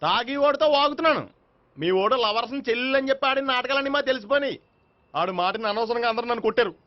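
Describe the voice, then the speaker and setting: An actor playing an excitable, hot-headed young nephew in a comic film scene. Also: male voice, very high-pitched, very fast. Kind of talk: Telugu film comedy acting. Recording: dull film soundtrack.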